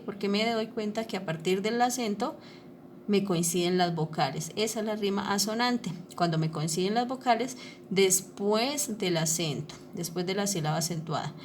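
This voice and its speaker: Woman teacher going slow over slides, keeps checking u follow, mid-pitched voice, faint hiss behind. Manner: patient, repeats ¿listo? and ¿cierto? to check understanding. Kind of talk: classroom explanation over slides.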